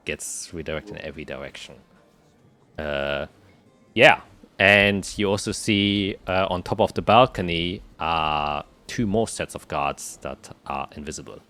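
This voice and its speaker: A man narrating as game master of a tabletop game, describing scenes with many pauses and fillers. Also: a bass voice, pushed and bright. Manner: hesitant, filler-heavy describing.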